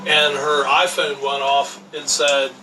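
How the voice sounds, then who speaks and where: A man casually recounting an odd event, with halting restarts as he talks. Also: fairly high pitch, monotone, far from the mic, noisy background. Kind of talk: casual anecdote.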